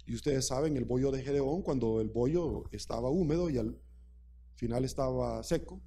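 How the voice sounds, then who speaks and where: A man's voice: medium pitch, moderate pace, mellow. A man preaching a sermon, speaking emphatically and repeating key phrases while addressing the congregation directly.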